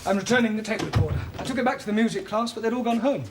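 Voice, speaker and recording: A man's voice: high-pitched, racing, noisy background, natural voice. An actor playing a patient young male English teacher with a dry, wry way of speaking.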